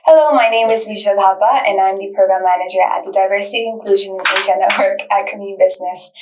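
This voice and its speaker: A woman's voice: mid-range voice, fairly even intonation, fast talker. A young woman hosting an interview podcast, giving friendly scripted introductions. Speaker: podcast host. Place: bright studio set. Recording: roomy sound from a distant mic.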